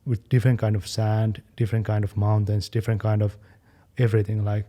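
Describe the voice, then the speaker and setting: A young man chatting casually as a fitness channel co-host, talking quickly and loosely, with many fillers. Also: on the low side, little pitch movement, mellow. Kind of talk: casual chat.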